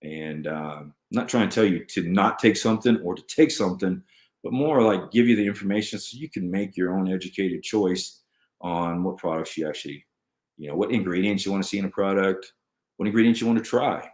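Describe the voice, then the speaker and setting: A man with a lowish voice chats loosely on a live stream, drifting from point to point and restarting his sentences. His computer mic picks up a roomy echo. He answers viewer comments as they come in. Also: a little fast, darkish tone. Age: adult. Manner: rambling, jumps between topics with many restarts. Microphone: computer mic at a desk.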